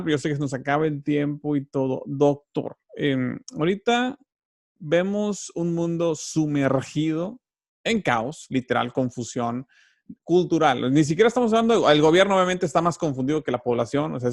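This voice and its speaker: A man, hosting an interview, asking long, animated and rambling questions. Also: fairly high pitch, vocal fry, dry recording, studio quality. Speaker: host.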